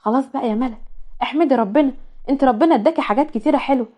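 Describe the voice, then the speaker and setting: A scheming young woman, voiced by an Egyptian woman speaks in a coaxing, falsely sweet tone. The voice is high and quick, in a storybook drama. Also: warm tone. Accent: Egyptian Arabic.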